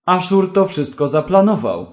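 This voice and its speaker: Male narrator doing armed vengeful woman, clipped commands, fairly high voice. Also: very animated, normal speed, roomy sound. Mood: pleading.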